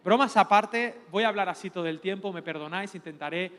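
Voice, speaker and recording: Middle-aged pastor with a Spanish accent from Spain, high voice, playful preaching, long hall reverb. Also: male voice, quick pace. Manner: lively, joking, playful preacher. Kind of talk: teaching sermon. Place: large church hall.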